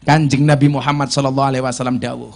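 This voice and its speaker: A man's voice: mid-range voice, little pitch movement, very fast, vocal fry, a little mellow. A man in his forties with a Javanese accent, giving a joking sermon to a crowd and teasing the people in front of him. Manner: joking, switching between Indonesian and Javanese, teasing the audience. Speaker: preacher. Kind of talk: comic sermon to a live crowd.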